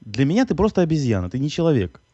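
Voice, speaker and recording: A man's voice: on the high side, very animated, fast, crowd noise. A man making a prank phone call, taunting and provoking the person on the line. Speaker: prank caller.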